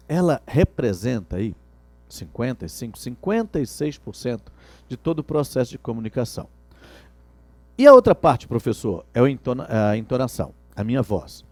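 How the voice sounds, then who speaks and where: A man's voice: mid-range voice, warm tone, no echo. A middle-aged man gives a lecture on customer service, teaching by asking the class rhetorical questions. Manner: didactic, asks rhetorical questions. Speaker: instructor.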